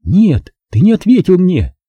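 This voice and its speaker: A man voicing a wild, desperate young woman in wartime who pleads and screams insults in a shrill voice. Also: huge pitch swings, measured pace, breathy edge, no room sound, narrow, tinny audio, exaggerated voice. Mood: pleading.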